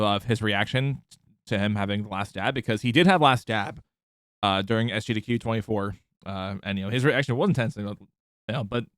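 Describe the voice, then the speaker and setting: A man streaming, giving casual commentary over a video clip, halting and full of fillers and restarts. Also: on the low side, a bit bright, no room sound, studio quality.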